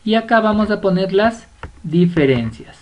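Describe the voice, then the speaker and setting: A woman's voice: medium pitch, lively intonation, normal speed, highs cut off, slight background noise. A woman teacher with an Ecuadorian accent, patiently explaining a lesson, drawing out example words and checking that students follow. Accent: Ecuadorian Spanish. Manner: stretches out example words syllable by syllable, checks understanding. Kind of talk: slow classroom explanation.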